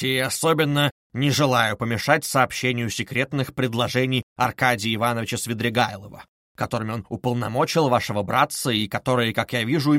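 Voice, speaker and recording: A man reading aloud voices a pompous, sarcastic middle-aged gentleman in a stiffly formal manner. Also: medium pitch, no room sound, clean studio sound. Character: sneering pompous middle-aged male suitor.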